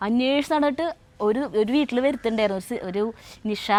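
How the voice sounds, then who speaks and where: A woman's voice: on the high side, quick pace, darkish tone. A middle-aged woman, telling a story in a chatty way, full of fillers and self-corrections, in a home kitchen. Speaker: co-host of a family cooking vlog. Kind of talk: casual storytelling.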